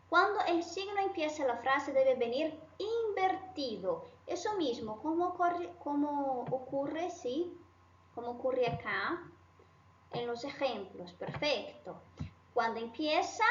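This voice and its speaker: A woman teacher giving a language lesson, checking in with short tag questions and patiently repeating and rephrasing each point. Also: high voice. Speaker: Spanish teacher. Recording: roomy, slightly dull sound.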